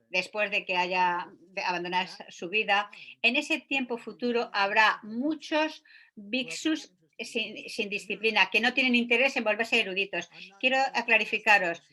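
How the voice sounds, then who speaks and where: A woman teaches a Buddhist sutra in a bright, clear voice. She reads passages aloud and explains them, hesitating often with filler sounds between phrases. Her pitch sits in the middle of the usual range for a woman.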